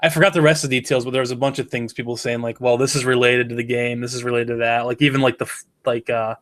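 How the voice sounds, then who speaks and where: Dude co-hosting, rambles a lot, mid pitched voice, super casual. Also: male voice, flat delivery, fast talker, fairly bright tone. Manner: rambling, trails off with fillers. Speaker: co-host. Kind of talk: casual chat.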